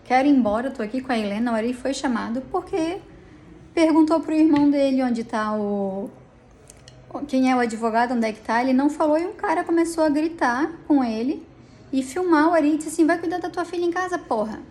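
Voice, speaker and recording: A woman's voice: high voice, fairly quick, a little mellow. A tired middle-aged woman telling of a dispute in an agitated, rambling way, with many restarts. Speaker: vlogger recounting a personal dispute. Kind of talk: emotional personal account. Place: inside a police station.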